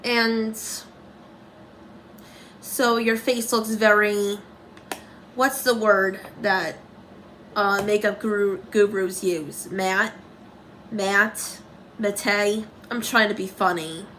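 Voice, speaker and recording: A woman's voice: medium pitch, fairly even intonation, slow pace, pauses often, a bit bright, slight background noise, rough recording. A young woman talking through a casual makeup tutorial, rambling and commenting on herself, with dry sarcastic asides.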